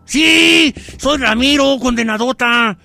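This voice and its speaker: A man with a Mexican accent voicing the ghost of a dead husband, loud and high as he pleads with his wife. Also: slow, faint music behind, full character voice. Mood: desperate pleading.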